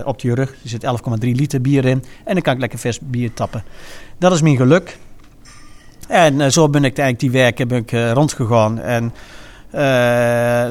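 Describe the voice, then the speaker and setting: A man with a regional eastern Dutch accent reminiscing informally, speaking in a halting way and often pausing mid-sentence. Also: mid-range voice. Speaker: former carnival prince and innkeeper recounting his carnival.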